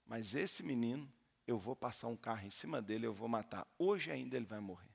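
A man voicing a menacing male demon who shouts threats at a child. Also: mid-range voice, animated, brisk, vocal fry, slightly rough. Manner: loud, boastful threats.

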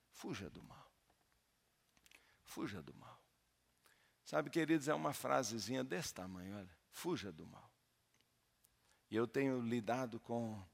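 A male pastor, preaching a sermon and telling a story dramatically, moving from hushed pleas to loud exclamations. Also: mid-range voice, vocal fry, big-room sound.

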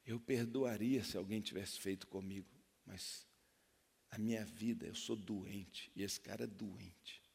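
A man's voice: lowish voice, steady tone, unhurried, creaky, a little mellow, husky, exaggerated voice. A preacher playing a desperate man confessing. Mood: broken confession. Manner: pleading, broken, desperate. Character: anguished man confessing a shameful sin. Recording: reverberant hall.

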